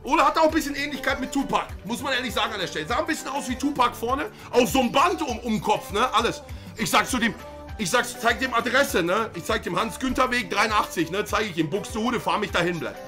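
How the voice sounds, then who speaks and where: A man telling a story in a casual, animated way as a streamer, acting out quotes and often adding "ne?". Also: very high voice, fast, soft background music. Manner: animated, acts out quotes, frequent "ne?".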